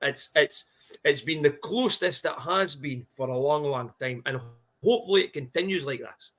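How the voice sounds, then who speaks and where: Middle-aged man, broad Scottish accent, bright forceful voice, blunt sweary chat, sports podcast. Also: a little high, normal speed. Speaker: podcast co-host.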